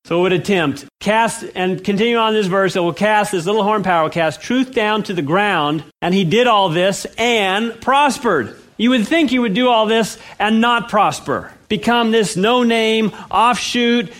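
A man leading a Bible study, asking the audience questions, answering them himself, and reading scripture slowly with emphasis. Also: high voice, fairly bright tone. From United States. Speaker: Bible teacher. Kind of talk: interactive Bible study lecture.

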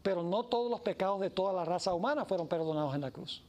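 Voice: mid-range voice, lively intonation, quick pace, a little mellow. A preacher giving an emphatic sermon who acts out the voices of the story.

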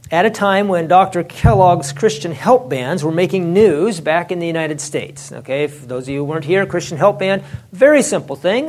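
A man giving an informal religious history lecture, animated and chatty, often laughing and saying "it's like" and "you know". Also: sits high.

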